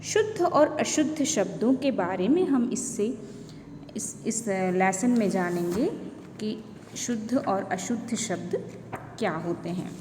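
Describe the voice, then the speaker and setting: A woman teacher talks young children through a lesson, with a slow, deliberate pace and a pitch that rises and falls a lot. She keeps checking they follow with little tag questions. Her voice carries a long reverb with faint noise behind it. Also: expressive. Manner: addresses young children directly. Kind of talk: slow explanatory classroom lesson.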